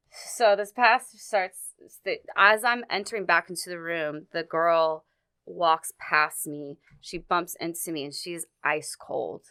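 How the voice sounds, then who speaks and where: Low, smooth-voiced young woman telling a story. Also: bright, forceful tone, no echo. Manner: halting, earnest, many restarts. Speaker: podcast guest. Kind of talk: casual storytelling.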